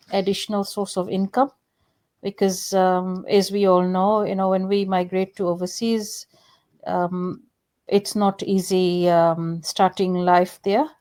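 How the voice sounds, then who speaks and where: A woman's voice: mid-range voice, a little mellow. Middle-aged Fiji Indian woman, hesitant conversational delivery. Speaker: co-host introducing herself. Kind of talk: conversational personal introduction.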